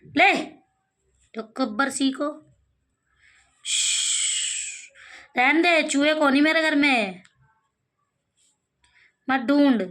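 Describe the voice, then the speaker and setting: High, slow, coaxing woman. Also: fairly bright tone. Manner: coaxing, sing-song calls to the cat. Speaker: pet vlogger. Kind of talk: casual talk to a cat while filming. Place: home courtyard, outdoors. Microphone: phone camera.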